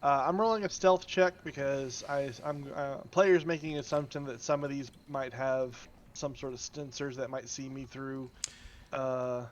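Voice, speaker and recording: A man's voice: medium pitch, fairly even intonation, normal speed. A man chatting casually as a player in a tabletop game. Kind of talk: casual chat. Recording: dull sound, faint noise.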